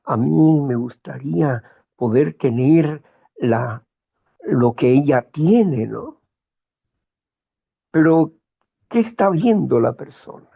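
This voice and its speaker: Slow, gravelly-voiced man. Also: on the high side, phone-quality sound. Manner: slow, measured, moralizing with personal anecdotes. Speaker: host of a morning talk program. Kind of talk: reflective monologue.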